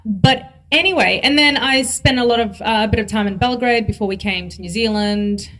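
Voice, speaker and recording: A woman's voice: on the high side, brisk, fairly bright tone. A woman in her thirties from the former Yugoslavia, co-hosting a casual podcast chat, candid and swearing freely, often laughing. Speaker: podcast co-host.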